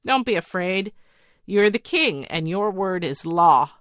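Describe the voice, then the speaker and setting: A woman voicing a calm, round little magical servant in a fairy tale, matter-of-fact and brisk. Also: on the low side, no echo, studio quality.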